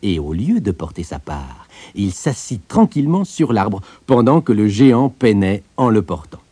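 Low, mellow male storyteller. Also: normal speed, slightly rough, no room sound. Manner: expressive, lively storytelling. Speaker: narrator. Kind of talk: scripted storybook narration. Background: soft background music.

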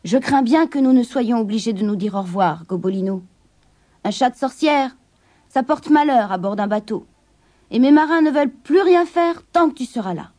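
Woman reading as a kind old-fashioned ship captain, soft and sorry, storybook voice. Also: a little high, animated, normal speed, natural voice. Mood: gentle. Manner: gentle, apologetic.

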